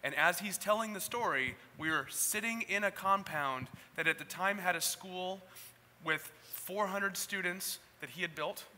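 Male pastor, very bright tone, conversational and lightly humorous; reverberant hall. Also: high voice, measured pace, a little hiss or hum. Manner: warm conversational, gently humorous. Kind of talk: sermon and church announcements. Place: church hall. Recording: reverberant hall, faint ambience.

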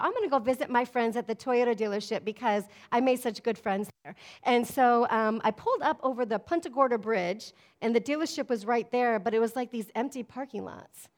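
A middle-aged woman pastor preaching a sermon, emphatic and conversational, often asking her congregation "amen?". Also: on the high side. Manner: emphatic, call-and-response preaching with frequent "amen?".

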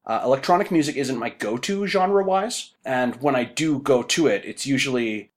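A man in his thirties hosting a podcast, reading a wry, essay-like monologue in a measured way. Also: mid-range voice, lively intonation. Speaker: podcast host. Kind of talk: podcast talk with a written monologue.

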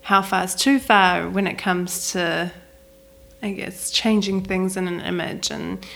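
A woman's voice: lowish voice, fairly even intonation, slow, creaky, a bit bright. A young woman from New Zealand with a Kiwi accent, a wedding photographer chatting casually in an interview with lots of "like" fillers. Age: young adult. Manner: chatty, many "like" fillers, laughs easily. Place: flat at home.

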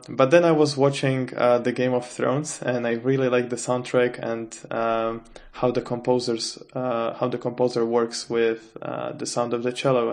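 A man's voice: medium pitch, gravelly, a little mellow. A man, a guest answering interview questions in a thoughtful, hesitant way with frequent restarts. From Czech Republic. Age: 20s. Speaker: guest, adult cello student.

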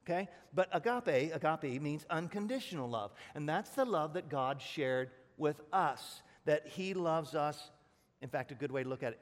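A man with a fairly high voice preaches a sermon in a loose, folksy manner, joking with the congregation as he goes. His voice rings out in a church with a long reverb. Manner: folksy, rambling, jokes with congregation. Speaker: pastor. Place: church sanctuary.

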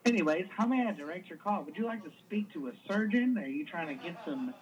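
A man's voice: high voice, lively intonation, fast talker, muffled recording. A man putting on a goofy hospital phone operator with a Southern US drawl, rambling nonsense in a prank call. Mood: deadpan.

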